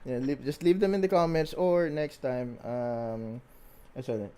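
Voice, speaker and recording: A man's voice: mid-range voice, normal speed, noisy background. A Filipino-accented man co-hosting a casual livestream podcast, switching between languages, laughing a lot and swearing casually. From Philippines. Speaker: podcast co-host.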